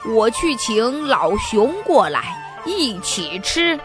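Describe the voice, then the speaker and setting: A woman doing a gruff, bossy old wolf. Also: fairly high pitch, big pitch swings, slow pace. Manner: bossy, blustering. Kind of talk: children's storytelling. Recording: music playing behind. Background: background music.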